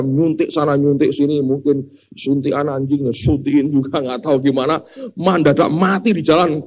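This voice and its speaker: A male pastor preaching a sermon in an animated storytelling way, often turning to his listeners. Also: a little high, poor audio.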